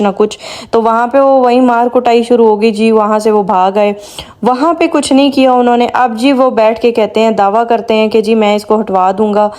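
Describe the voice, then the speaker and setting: Mellow-voiced woman vlogger chatting to viewers. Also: a little high. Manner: chatty, addresses viewers directly. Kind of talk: casual commentary to viewers.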